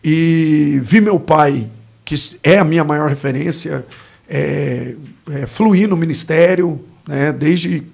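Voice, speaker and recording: Speaking slowly in a fairly high voice with vocal fry and a slightly mellow quality, this Brazilian man in his forties tells his life story. He's a pastor appearing as a podcast guest, reflective in tone, with a Brazilian Portuguese accent, and he often searches for words.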